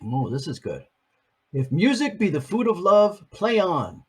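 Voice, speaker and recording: Reading a picture book to his grandkids, a grandfather talks about every page in simple, chatty terms. His high, slightly rough voice swoops wildly in pitch while keeping a measured pace.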